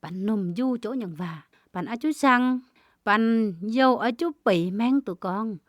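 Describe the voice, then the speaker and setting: A woman's voice: fairly high pitch, a little slow, dry recording. Woman preaching in rhythmic repeated phrases. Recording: dull, dry lo-fi recording.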